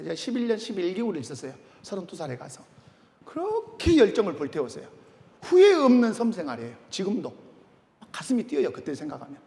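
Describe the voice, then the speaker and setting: Animated high-voiced pastor preaching. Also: male voice, vocal fry. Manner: animated, calls out questions to congregation. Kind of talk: sermon. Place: church sanctuary. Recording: long church reverb.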